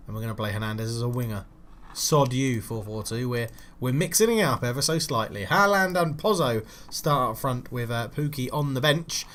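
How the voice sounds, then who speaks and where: A young man giving casual, frustrated commentary while playing a football management game, swearing and shouting at his players. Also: mid-range voice, moderate pace. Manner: frustrated, swears, loud outbursts at his team. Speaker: gaming channel host.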